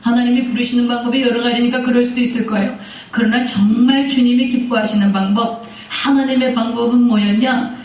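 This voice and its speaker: A woman's voice: a little high, steady tone, a little fast, darkish tone, a little hiss or hum. Emphatic woman pastor in an echoey church. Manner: emphatic, asking the congregation questions and answering them. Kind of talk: sermon. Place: church sanctuary. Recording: echoey sanctuary heard from far off.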